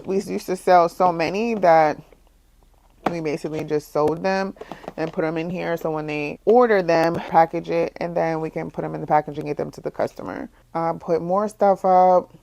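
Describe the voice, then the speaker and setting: A young woman running her own swimwear shop tells a casual vlog story. Her voice sits a little low, and she repeats phrases as her exasperation grows, pushing her pitch higher when the frustration peaks. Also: fairly even intonation, moderate pace, vocal fry, darkish tone. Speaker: small business owner, bikini designer.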